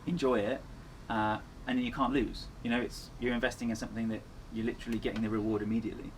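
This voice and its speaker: A man's voice: medium pitch, flat delivery, fast. A man chatting casually as an interview guest, speaking in an earnest, reflective way. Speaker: endurance runner, interview guest. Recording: clearly noisy ambient background.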